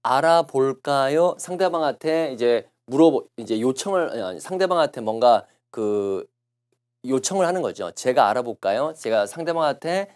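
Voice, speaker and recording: A man lecturing on English test answers, explaining patiently and repeating phrases slowly to show how they are pronounced. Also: mid-range voice, lively intonation, a little mellow. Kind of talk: recorded classroom lecture.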